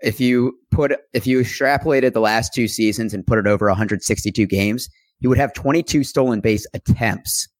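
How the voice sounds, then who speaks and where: A man's voice: mid-range voice, brisk, dry recording. A man talking through fantasy baseball stats in an analytical, earnest way during a casual chat. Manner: analytical, stat-heavy, earnest.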